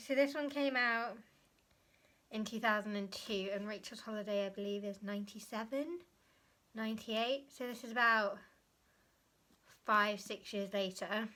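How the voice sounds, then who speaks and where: A woman's voice: medium pitch, fairly bright tone. A young woman vlogger talking casually about a book she has read, chatty and often stopping to search for the right word or correct herself.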